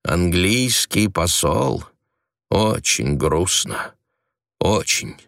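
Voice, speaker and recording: A man voicing a dignified, stern old aristocratic lady who speaks slowly and haughtily in a storybook reading. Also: lowish voice, a bit bright, no echo, clean studio sound. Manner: slow, haughty, measured.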